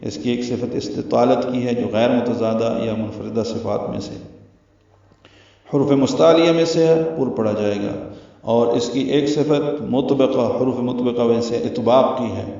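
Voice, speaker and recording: A man's voice: medium pitch, fairly even intonation, gravelly, warm tone. Man teaching recitation in an echoey room. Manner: slow, methodical explaining with chanted recitation. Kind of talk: tajweed lesson. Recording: very echoey, distant, dull sound.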